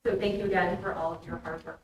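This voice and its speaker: A woman politely addresses a meeting in a supportive way, at a middle pitch. She is some distance from the mic in an echoey room with clear noise. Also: steady tone, quick pace, a little mellow, highs cut off. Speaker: teacher speaking at public meeting. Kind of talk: public comment at a meeting. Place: indoor public meeting room.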